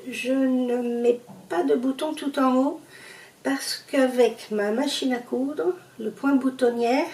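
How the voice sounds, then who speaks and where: In a rough recording with a distant mic, echo and slight background noise, a Parisian-accented woman chats through her sewing projects in a show-and-tell vlog. Her voice is high-pitched yet dark in tone, and she hesitates with plenty of fillers.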